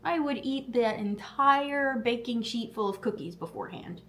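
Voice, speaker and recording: A woman's voice: fairly high pitch, a bit bright. Chatty woman vlogging, lots of "like". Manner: chatty, lots of "like" fillers, quick asides; laughs at herself often. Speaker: health vlogger. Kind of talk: casual vlog chat to camera.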